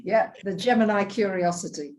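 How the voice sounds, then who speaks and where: A woman's voice: medium pitch, moderate pace, darkish tone. A woman hosting a casual question-and-answer conversation, giving short, affirming replies. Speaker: host reading out questions.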